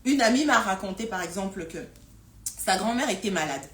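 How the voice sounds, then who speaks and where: A woman's voice: medium pitch, lively intonation, fairly quick, a bit bright. A woman hosting a casual live stream, talking with frequent hesitations, repeated words and fillers. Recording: roomy echo with faint noise.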